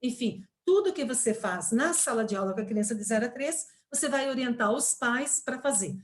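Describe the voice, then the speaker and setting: A Brazilian woman in her fifties lectures over a video call, patiently explaining and checking in with her listeners. Her voice sits a little high, and she leans on tag questions and fillers as she goes. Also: expressive, a little fast. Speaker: guest speaker, teacher trainer. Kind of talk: webinar lecture.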